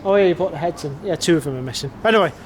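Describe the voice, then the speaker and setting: Racing along in a fairly high-pitched voice, an English man delivers blunt, sweary, wry commentary for a casual walking vlog. The route runs through nighttime town streets and then into a pub, and a little hiss or hum can be heard.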